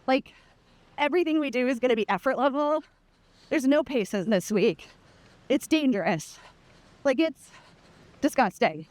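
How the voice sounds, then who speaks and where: A woman chatting casually and candidly while running in the heat, playful and quick to swear. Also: high voice, lively intonation, darkish tone, no echo.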